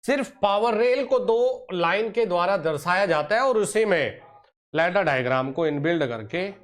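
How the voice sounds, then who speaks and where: His high voice carries lively intonation as he teaches an online exam-prep class. Warmly teacherly, he calls students "beta" and "pyare bachche," alternately scolds and coaxes them, and lingers slowly over the key terms.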